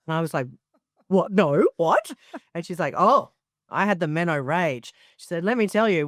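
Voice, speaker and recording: Lively woman in her 40s, swears freely, smooth clear voice, dry close mic. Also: on the low side, no echo. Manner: animated storyteller, frank and swearing. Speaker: podcast guest, journalist. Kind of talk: candid casual interview.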